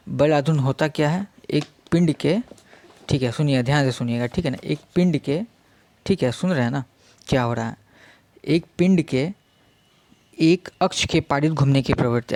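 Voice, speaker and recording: A young man teaching a casual exam-prep physics lesson, speaking slowly and repeating himself, constantly checking in with his listeners. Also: medium pitch, a little mellow, no room sound. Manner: slow, repetitive, checks in with "theek hai" constantly.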